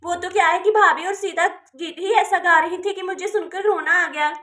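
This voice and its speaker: A tearful, affectionate young bride from a village doll drama, voiced by a woman. She talks in an emotional, pleading way, in a very high, bright voice. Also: fairly even intonation, normal speed.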